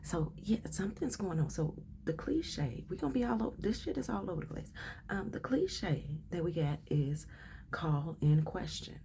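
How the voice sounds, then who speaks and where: A woman giving a casual, chatty tarot reading. She calls the listener honey and often drops into soft whispers. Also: lowish voice, big pitch swings, normal speed, creaky, noisy background. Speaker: tarot reader.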